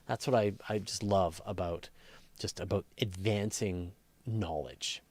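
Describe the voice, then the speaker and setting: With a low, slightly mellow voice and a measured pace, a man fields live questions on astronomy and space. He explains casually, thinking aloud as he goes.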